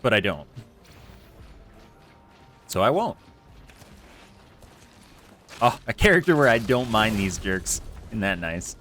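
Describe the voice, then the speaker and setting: A man's voice: fairly low pitch, big pitch swings, takes it slowly, pauses often, a bit bright, faint music behind. A man streaming a game from home, chatting casually into a close desk mic, rambling with lots of fillers. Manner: rambling, self-deprecating, chatty with many fillers. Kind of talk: casual gameplay stream chat. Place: home room with air conditioner. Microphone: close desk mic with foam screen.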